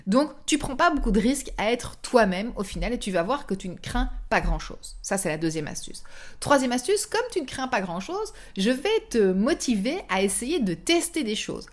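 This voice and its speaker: Woman podcast coach, chatty and animated, pitch all over the place. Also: moderate pace. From France. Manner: animated, coaxing, voices inner thoughts in quotes. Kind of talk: motivational podcast talk.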